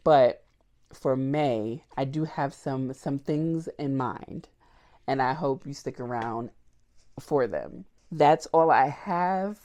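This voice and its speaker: A woman's voice: extremely low pitch, slow, dark tone. A woman book vlogger chatting casually and candidly about what she read, with frequent ums. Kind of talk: casual book wrap-up chat.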